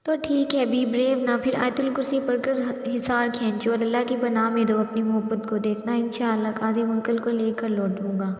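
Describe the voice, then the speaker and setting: A woman voicing a grim, protective young husband in a storybook reading, in a flat, steady tone, recorded in an echoey room. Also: a little high, hardly any pauses, natural voice. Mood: reassuring. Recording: echoey room with long reverb.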